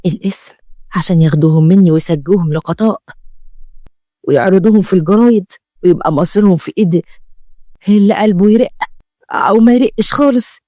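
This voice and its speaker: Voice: mid-range voice, a little fast, long pauses, dark tone, no room sound, clean studio sound, close to an everyday voice. A storyteller with an Egyptian accent voicing a stubborn poor woman who digs graves, pleading and determined. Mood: indignant. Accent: Egyptian Arabic.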